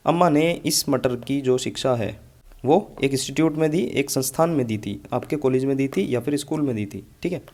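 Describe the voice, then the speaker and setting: A man's voice: medium pitch, normal speed, a little mellow. A man teaching English vocabulary for exam preparation, patiently explaining words and repeating memory tricks. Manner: explains patiently, repeats mnemonics, says "ठीक है" often. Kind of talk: exam-prep lesson with mnemonics.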